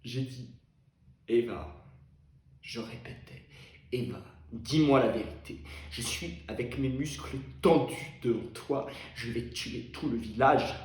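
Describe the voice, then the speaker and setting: A male stage actor delivering a theatrical monologue as a desperate young man pleading with a woman, swinging from loud pleas to near-whispers. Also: mid-range voice, slow, close to an everyday voice. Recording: echoey stage sound.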